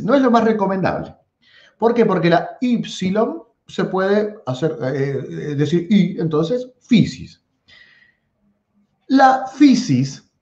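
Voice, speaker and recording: A man's voice: mid-range voice, echoey room, dull audio. A man with a Rioplatense Spanish accent giving an online philosophy lesson, drawing out key words for emphasis and checking in with "¿sí?" and "¿tá?". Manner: animated, drawn-out emphatic stresses, frequent "¿sí?" and "¿tá?" check-ins. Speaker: philosophy teacher. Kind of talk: online lecture.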